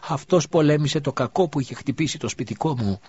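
A man voicing an overwhelmed widow and mother in an audiobook, pushing his voice very high and loud with passion. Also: breathy edge, no echo. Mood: fervent. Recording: dull lo-fi recording.

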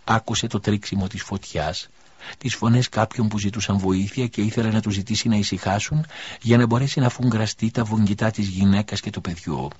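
A man narrating an audiobook in a measured, solemn storytelling manner. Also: lowish voice, darkish tone, slightly rough. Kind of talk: scripted narration. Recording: dull lo-fi recording.

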